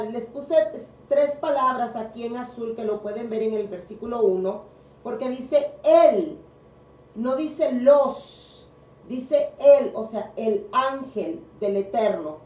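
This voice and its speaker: A woman teaching a congregational Bible study, speaking deliberately and leaning hard on key words, recorded in a meeting room by a distant microphone. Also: fairly high pitch, darkish tone. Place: congregation meeting room, also streamed online. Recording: echoey room picked up from a distance.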